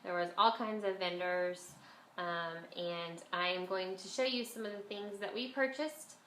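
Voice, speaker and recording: Woman, casual homeschool vlog, congested nose-pinched voice from a cold, bright tone, faint noise behind her. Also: medium pitch, measured pace. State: has a bit of a cold. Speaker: homeschool vlogger and mother. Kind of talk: casual chat to camera. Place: at home, indoors. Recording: echoey room, faint background noise.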